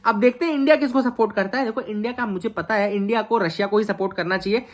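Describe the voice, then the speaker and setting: A woman's voice: mid-range voice, fast talker. A woman teaching an explanatory video lesson for exam students in a chatty way, asking rhetorical questions and mixing in English phrases. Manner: mixes English phrases into speech.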